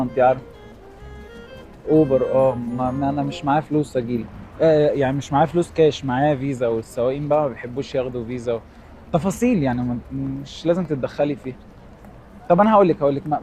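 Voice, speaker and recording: A man's voice: medium pitch, mellow, lightly acted. An actor playing a married man in a TV comedy, with an Egyptian Arabic accent, flirting on the phone and dodging questions. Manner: smooth-talking, evasive and flirty. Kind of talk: TV comedy series acting.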